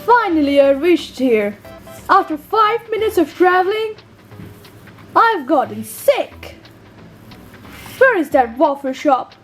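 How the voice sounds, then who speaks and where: A woman's voice: high-pitched, sing-song, slow, pauses often, soft background music, full character voice. Bossy king, played by a woman, demanding. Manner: demanding, threatening. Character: bossy, unfair male king.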